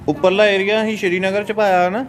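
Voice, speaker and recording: A man's voice: high-pitched, flat delivery, fast. A man with a Punjabi accent hosting a family vlog, chatting casually in a teasing, joking manner. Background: family voices and chatter.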